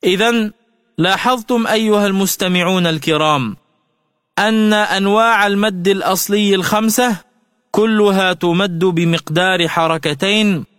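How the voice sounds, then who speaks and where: High-voiced man teaching tajweed on radio. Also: fairly bright tone, clear, resonant tone, no room sound, clean studio sound, long reverb tail. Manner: measured explanatory delivery, stretching chanted example words. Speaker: Quran recitation teacher.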